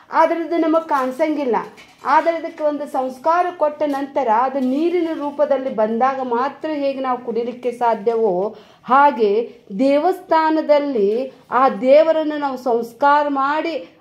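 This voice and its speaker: A woman's voice: high-pitched, a little mellow. Folksy woman preacher. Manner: folksy storytelling, addresses listeners with "ri". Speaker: spiritual speaker. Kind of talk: devotional talk. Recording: slightly dull lo-fi recording.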